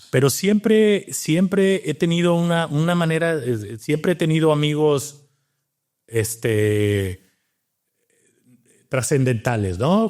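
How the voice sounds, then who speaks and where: A man's voice: mid-range voice, a little mellow. A man from Cuba, a doctor and scientist, telling his story in a casual interview, thoughtful and full of restarts. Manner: reflective, with many fillers and restarts.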